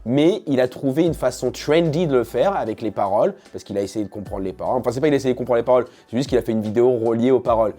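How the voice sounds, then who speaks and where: A man's voice: mid-range voice, rapid-fire, few pauses, dark tone, soft background music. A young man from France talking in a casual, slangy, jokey vlog style. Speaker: YouTuber.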